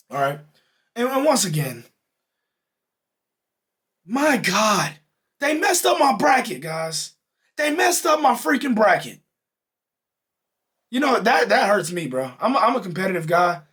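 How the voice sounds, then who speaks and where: A young man hosting a podcast, ranting in a heated, exasperated way about a football game and straining a voice he says is going hoarse. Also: high-pitched, a bit bright. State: losing his voice. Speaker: podcast host. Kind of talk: animated sports reaction rant.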